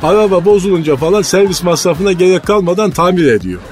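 A blustering football club president in a radio comedy sketch. He tells rambling, boastful tales and flies into insulting rants in a slightly high voice. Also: expressive, quick pace, darkish tone, slight background noise.

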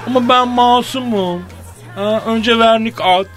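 A man voicing a flirtatious adult woman caller in a comic phone prank, speaking slowly and coyly. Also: very high-pitched, a bit bright, soft background music, pitched above the performer's own voice. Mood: coy flirting. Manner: slow, coy, teasing.

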